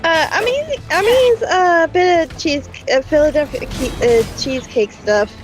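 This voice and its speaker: A woman streaming a game, chatting casually and haltingly with lots of fillers and restarts. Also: sits high. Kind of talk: casual gameplay chat. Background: game music.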